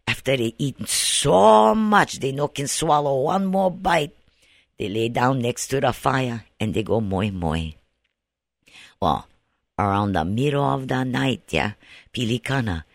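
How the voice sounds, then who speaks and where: A man tells a ghost story in a Hawaiian Pidgin accent. His gravelly voice swings widely and dramatically in pitch, sitting fairly high. The sound is dry and close. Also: no room sound.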